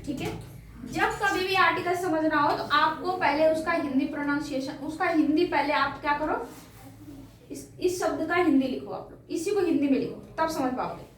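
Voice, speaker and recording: A woman's voice: sits high, moderate pace, fairly bright tone. A woman teaching a classroom grammar lesson, explaining step by step and asking her students questions. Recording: echoey room, voice from far off, faint noise.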